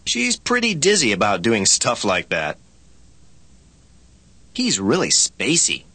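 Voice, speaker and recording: Guy acting out practice dialogues, pitch all over the place, kinda raspy. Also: takes it slowly, no room sound. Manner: expressive, swooping line readings. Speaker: dialogue actor in a language lesson.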